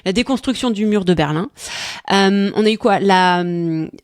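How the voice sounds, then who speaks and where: A woman's voice: mid-range voice, normal speed, smooth, dry recording, studio quality. Hesitant woman talking astrology casually. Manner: searching for words, many hesitations and restarts; laughs easily. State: tired. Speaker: astrology coach co-host.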